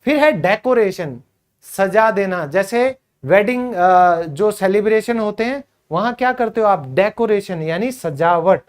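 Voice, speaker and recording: Male English teacher, beginner drills, unhurried word-by-word delivery, talks to students as friends. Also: high voice, animated. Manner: drills each word by repeating it slowly; addresses learners as friends. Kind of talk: spoken English lesson for beginners.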